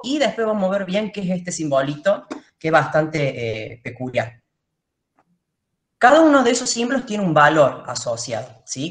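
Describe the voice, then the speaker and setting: A woman's voice: sits low, roomy sound. A woman teacher giving a classroom lecture, explaining step by step and checking in with her students.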